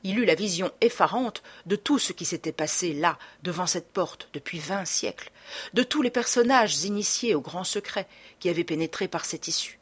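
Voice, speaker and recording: A woman reading a classic French adventure novel aloud in a measured, dramatic narration. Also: lowish voice, lively intonation, husky. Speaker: audiobook narrator. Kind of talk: scripted narration.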